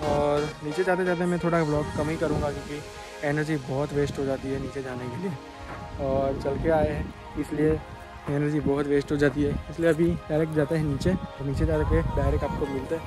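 A man's voice: fairly high pitch, little pitch movement, fairly quick. A young man talking casually to camera as he walks a hilltop temple trail, calling his viewers guys and mixing in English words. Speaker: travel vlogger. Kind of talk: casual walking vlog to camera. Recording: music playing under the voice.

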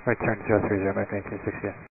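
A man speaking as an airline pilot over a cockpit headset radio, giving brisk, clipped readbacks to air traffic control. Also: lowish voice, level tone, slightly rough. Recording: tinny radio transmission with faint static.

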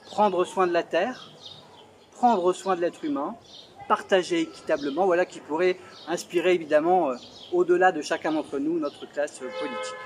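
A man in his forties presenting a book straight to camera, earnest and pausing often on "euh", seated on a bench in a small outdoor garden. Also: high-pitched, noisy background. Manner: earnest, with frequent "euh" pauses. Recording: outdoor garden with loud birdsong. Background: birdsong.

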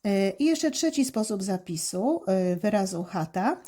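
A woman teaching children handwriting, explaining each stroke slowly and calmly, with frequent hesitation fillers. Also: mid-range voice. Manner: calm, deliberate, many "e" fillers. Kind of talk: slow step-by-step instruction.

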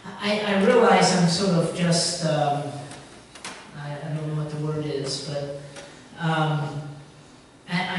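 A man's voice: high-pitched, a little hiss or hum. A man giving a conversational sermon as a pastor, rambling a little, with restarts and asides to the congregation. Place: church sanctuary. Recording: echoey church from a distance.

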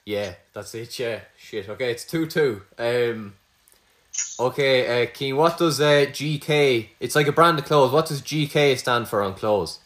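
A man's voice: mid-range voice, unhurried, a bit bright. A man with an Irish accent hosting a casual podcast quiz, full of crude teasing banter. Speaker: quizmaster host.

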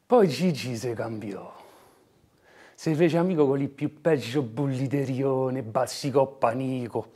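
A man acting an anguished working-class son in a dramatic monologue, with a Roman dialect accent, moving between hushed murmurs and impassioned outbursts. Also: medium pitch, natural voice. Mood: bitter, sorrowful. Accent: Roman (old Romanesco dialect). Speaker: actor.

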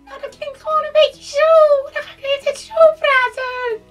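A woman putting on a very high, squeaky chipmunk voice during a casual chat, piping and playful. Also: fairly even intonation, moderate pace, far from the mic, faint music behind.

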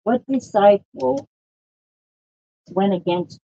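A woman's voice: medium pitch, takes it slowly, creaky, mellow, dry recording. A woman chatting casually in a teasing manner. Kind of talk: casual chat. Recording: dull lo-fi livestream audio.

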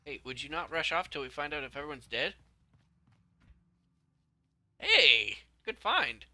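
A man's voice: a little high, lively intonation, quick pace, sharp tone. A man casually commenting while playing a video game, chatting to the characters on screen and breaking into sudden yelps and whispers. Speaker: let's play gamer.

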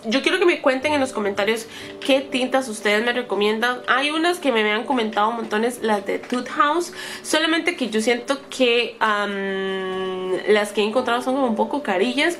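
A woman's voice: on the high side, normal speed, a bit bright, soft background music. A woman in her thirties chatting to her viewers while trying on makeup, often stopping to correct herself. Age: 30s. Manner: chatty, self-correcting, talks straight to viewers. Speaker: beauty vlogger. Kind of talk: casual makeup try-on chat to camera.

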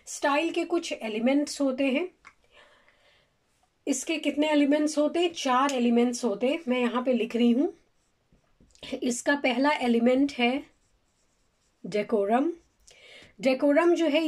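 A woman's voice: on the high side, darkish tone. A woman lecturing on course material, asking questions and answering them herself while explaining step by step. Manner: mixes English terms into Hindi. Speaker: teacher.

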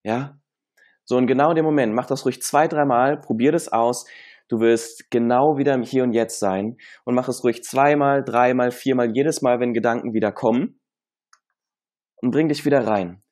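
Energetic motivational male coach. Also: mid-range voice, moderate pace. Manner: energetic, emphatic, mixes in English phrases. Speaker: coach, interview guest.

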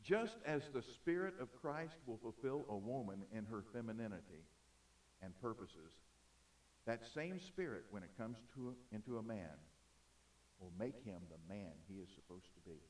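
A man preaching a sermon in an auditorium, emphatic, swinging between loud and soft. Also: fairly low pitch, animated, moderate pace, recorded from a distance, a little hiss or hum. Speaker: pastor.

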